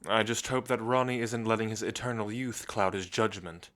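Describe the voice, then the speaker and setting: In an intimate ASMR roleplay, a man plays a gentle, refined vampire centuries old, speaking in measured, old-fashioned phrases with thoughtful pauses. His voice is natural and fairly low-pitched, and the mood is brooding and wistful.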